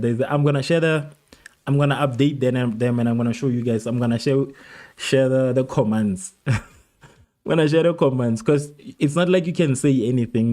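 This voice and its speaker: A man from South Africa hosts a live watchalong stream, chatting casually with his viewers. His voice sits in a mellow, middle register, and he laughs often and repeats phrases as he reads and answers comments. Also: mid-range voice. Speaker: livestream host.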